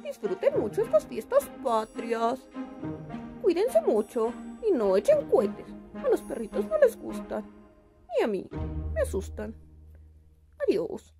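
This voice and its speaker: A woman voicing a cheerful little puppet boy who recites a poem in a children's puppet show with a sing-song, dramatic delivery full of drawn-out exclamations. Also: sits high, huge pitch swings, creaky, heavily acted. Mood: friendly farewell. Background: loud music.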